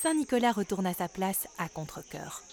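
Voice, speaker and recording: A woman narrating a children's story in a lively, expressive way. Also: mid-range voice, normal speed, gravelly.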